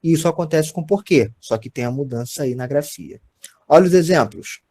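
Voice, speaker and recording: A man's voice: fairly high pitch, animated, a little fast, dark tone. Didactic Brazilian man teaching grammar. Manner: explains patiently, often checks in with "tá certo?" and "gente". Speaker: Portuguese teacher. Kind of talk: recorded grammar lesson.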